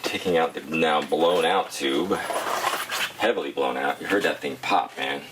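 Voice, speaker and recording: A man with a low, deep voice rambles through a bike build, half talking to the camera and half muttering to himself. The noisy home recording carries clicks and hiss behind him. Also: a little slow. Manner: rambling, talks to himself, mutters while tinkering. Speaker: BMX shop founder building a bike. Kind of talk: casual running commentary while working. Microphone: action camera mic.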